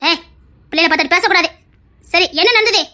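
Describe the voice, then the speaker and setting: A woman's voice: very high-pitched, fast talker, bright, forceful tone, heavily acted. A woman playing a stern old grandmother who lectures the family, with a Tirunelveli Tamil accent. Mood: lecturing. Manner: scolding, lecturing the youngsters.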